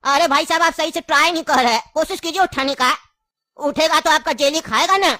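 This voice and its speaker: A scheming old grandfather who coaxes and insists, voiced by a woman with a high, bright tone. The sound is close and dry, and the delivery has a comic, laughing edge. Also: a little fast, no echo. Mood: coaxing. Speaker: comic skit actor. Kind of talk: comedy skit acting.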